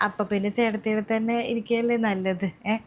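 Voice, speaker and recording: A woman's voice: medium pitch, little pitch movement, fast talker, a little hiss or hum, close to an everyday voice. A woman playing a demanding young new mother who orders her sister-in-law around in a comedy sketch. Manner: bossy, whiny, insistent.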